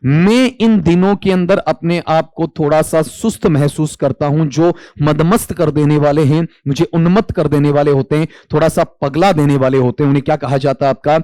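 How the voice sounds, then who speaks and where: High-voiced man quizzing his class. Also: fairly even intonation, normal speed, hardly any pauses, dark tone, dry recording. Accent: Hindi. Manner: quizzing students and answering himself; calls students 'beta'. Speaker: English teacher. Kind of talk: exam-prep lecture.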